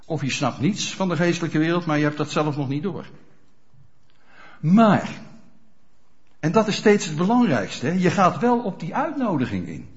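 A pastor preaching a sermon in a church, speaking straight to the congregation with frequent rhetorical questions. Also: male voice, a little high, normal speed, long pauses. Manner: animated, addresses congregation directly with rhetorical questions. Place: church hall. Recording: dull lo-fi church recording.

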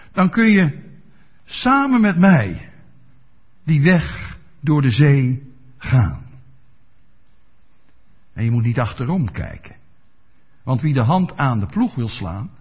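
A man's voice: fairly high pitch, breathy edge. A male preacher giving a sermon, asking his listeners rhetorical questions and explaining scripture with everyday examples. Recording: dull lo-fi recording.

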